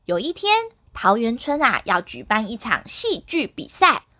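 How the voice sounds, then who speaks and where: A woman narrating a children's story in an animated way, speaking directly to the children. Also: fairly high pitch, unhurried, dry recording.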